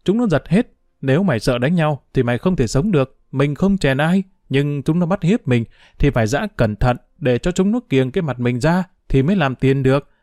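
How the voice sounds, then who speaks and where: A brash little street kid who brags and needles his friend in a quick, lifted voice, as a male reader puts him on. He talks with swagger over a dry, close mic. The pitch climbs when he gets worked up. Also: animated, darkish tone, dry recording, lightly acted. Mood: cocky. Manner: boastful, quick, teasing. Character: scrappy cheeky street urchin boy. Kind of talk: audiobook character voice.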